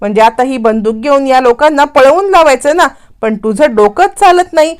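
A woman's voice: high-pitched, normal speed, close to an everyday voice. A woman voicing an irritated young wife who chides her husband. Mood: chiding. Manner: chiding.

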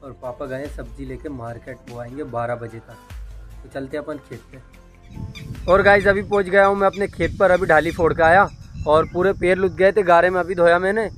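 A young man casually narrating his day into a phone held at arm's length, his voice sitting a little high for a man. Faint music plays under his talk. He is recording outdoors, among fields and streets. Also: fairly even intonation, normal speed, fairly bright tone. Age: young adult. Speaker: vlogger. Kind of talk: casual daily-life vlog narration.

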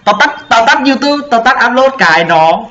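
A man's voice: very high-pitched, moderate pace. Young man, casual gaming chat, joking, dull lo-fi voice chat. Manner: joking, excitable, swears casually. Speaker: gaming channel host. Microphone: voice chat mic.

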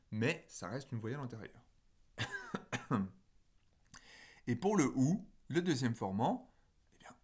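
A man teaching a phonetics lesson over slides, explaining patiently and checking in with his students. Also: mid-range voice. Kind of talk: recorded lecture over slides.

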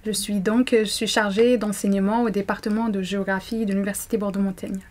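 A young woman, an Arabic-speaking doctoral student, answers interview questions to camera in an indoor room. Her mid-range voice is flat, brisk and darkish, and she hesitates with many fillers and restarts.

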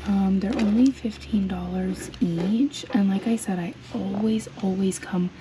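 A reseller vlogger narrates a casual shopping vlog as she browses an antique mall, chatty and admiring and full of ums. Her medium-pitched voice stays fairly even and unhurried. It was recorded on a handheld camera, with fan noise in the background.

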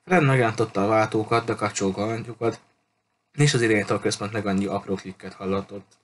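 A man reads a children's adventure novel aloud, unhurried and with small restarts. His voice is fairly low, and faint background noise sits under it. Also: steady tone. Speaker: audiobook reader.

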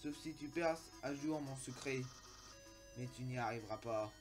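A man's voice: mid-range voice, normal speed, music in the background, voice pushed down, natural voice. A man reading the lines of a vain, boastful skeleton in a pompous, theatrical way. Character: vain, boastful skeleton, grandly self-important.

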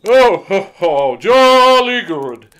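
Big booming, jolly Santa. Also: male voice, big pitch swings, fairly bright tone, clean tone, full character voice. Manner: hearty, blustering, drawn-out exclamations.

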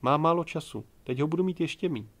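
A man voicing an earnest young woman, a former student, who speaks quietly and seriously. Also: a little high, expressive, voice pushed up.

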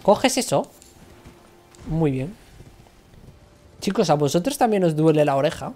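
A woman's voice: sits low, lively intonation, measured pace, warm tone, faint music behind. A young woman with a Spain Spanish accent chatting and complaining dramatically while streaming a game, swearing freely. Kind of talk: live game stream commentary.

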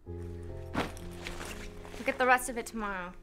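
A woman playing an ambitious young actress and girlfriend who talks in a pushy, sharp-tongued way. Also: a little high, normal speed, faint music behind, lightly acted.

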